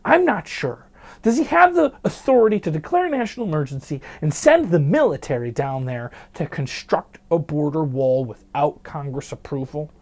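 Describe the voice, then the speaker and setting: A man's voice: fairly high pitch, big pitch swings, normal speed. A man hosting a news commentary show, delivering headlines with snarky, jokey asides.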